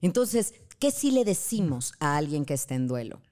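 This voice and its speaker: A woman's voice: low-pitched, sing-song, normal speed. A woman guest on a podcast talking about grief, telling stories and acting out what people say. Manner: warm storytelling, acts out quoted voices. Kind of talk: casual podcast conversation.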